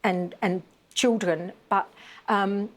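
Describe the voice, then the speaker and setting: This bereaved mother and veterans' advocate talks slowly at a medium pitch with fairly even intonation. Giving a live TV interview, the middle-aged woman is emphatic and passionate, using many fillers.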